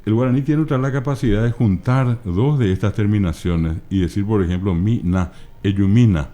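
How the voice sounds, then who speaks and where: A middle-aged man with a Paraguayan Spanish accent, patiently explaining language points as an interview guest and spelling out word forms slowly. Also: fairly low pitch, warm tone. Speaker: guest, Guaraní language scholar.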